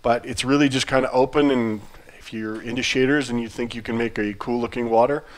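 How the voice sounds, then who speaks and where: Male livestream co-host, mid-range voice, relaxed and chatty, dry humor, loose delivery full of restarts. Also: mid-range voice, a little fast. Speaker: game studio CEO co-hosting a livestream. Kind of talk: casual livestream chat.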